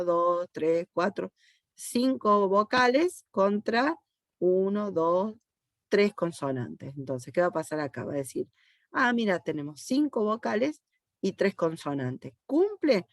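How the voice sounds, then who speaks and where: An Argentine-accented woman teaches code online at university level, patiently going step by step and tossing in frequent "¿sí?" checks to see that students keep up. Her lowish voice comes through a dry, studio-quality recording.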